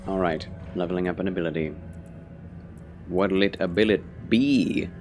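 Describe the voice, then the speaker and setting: Low-voiced man streaming a game. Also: normal speed. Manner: playful, muttering short reactions. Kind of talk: casual live gameplay commentary. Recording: streamer voice over loud game music.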